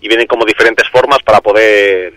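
Caller on a phone line. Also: male voice, fairly low pitch, fairly even intonation, fairly quick, a bit bright, no echo. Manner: hesitant, many restarts and fillers. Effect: heard over a phone line. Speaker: radio call-in listener. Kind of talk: casual call-in chat.

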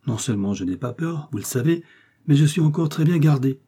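A man's voice: on the high side, animated, fairly quick, dark tone, slightly rough, voice pushed up. A man reading aloud as a mysterious, self-assured young woman with a playful, mocking manner.

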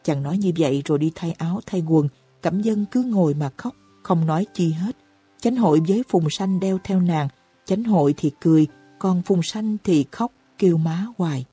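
Woman narrator for an audiobook, low husky tone, dry close mic with faint music underneath. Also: dry recording. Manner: reads slowly and evenly, raising her voice for characters' cries. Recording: dry close recording with soft music behind.

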